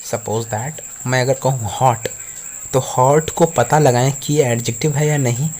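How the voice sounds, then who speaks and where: A man's voice: medium pitch, unhurried, noisy background. A man teaching an English grammar lesson, explaining patiently step by step.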